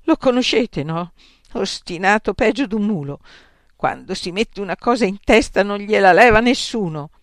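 A man voicing a grieving, sharp-tongued older wife in an audiobook reading, with bitter, reproachful outbursts. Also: high-pitched, no echo, clean studio sound, pitched above the performer's own voice.

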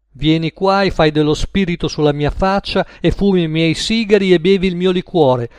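A man's voice: fairly high pitch, dry recording. Man doing a snarling, furious old prizefighter. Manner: snarling, shouting insults. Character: belligerent small ex-boxer man, touchy and menacing.

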